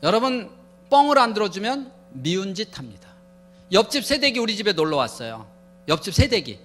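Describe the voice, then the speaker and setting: A man gives a humorous lecture to a church audience, playful and animated. His voice sits high and leaps about freely, with a bright, forceful tone. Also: fairly quick. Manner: animated, playful, acts out quotes.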